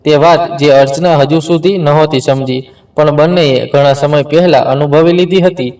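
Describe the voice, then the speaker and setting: A man narrating an emotional story in a steady, earnest way. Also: a little high, normal speed, distant mic, rough recording.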